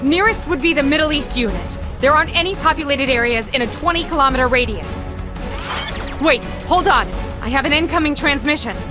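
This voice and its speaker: A woman's voice: sits high, a little fast, over music, close to an everyday voice. A woman voicing an alert, precise military operator in an anime dub, clipped and technical. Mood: urgent, businesslike.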